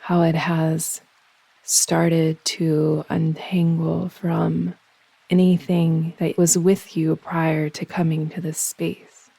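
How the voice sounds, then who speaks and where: A yoga nidra guide leads a meditation in a husky, low, very even voice, giving soothing instructions in unhurried phrases separated by pauses. The recording is close, dry, and rough, with no echo.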